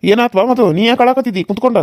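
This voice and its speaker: A man's voice: very high-pitched, fairly even intonation, racing, dry recording, studio quality. A man voicing a stern middle-aged father-in-law in a cartoon serial, scolding and lecturing.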